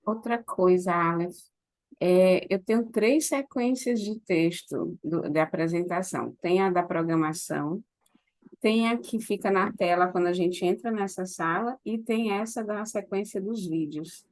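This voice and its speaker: A woman chats over a video call while getting an online session ready, asking practical questions in a soft-spoken way. Her voice sits low for a woman. The sound is dry and close, with no room echo. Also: a little slow. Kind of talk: casual online meeting chat.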